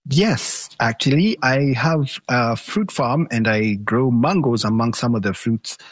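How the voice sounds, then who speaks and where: A man's voice: mid-range voice, unhurried, dry recording. A man from Kenya talking conversationally as a broadcaster on a science panel.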